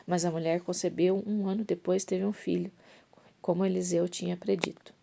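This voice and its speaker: A woman's voice: fairly low pitch, little pitch movement, normal speed, gravelly, warm tone. A woman reading a Bible story aloud, stumbling at times and correcting herself as she goes. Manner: reads with restarts and self-corrections. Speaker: Bible reader.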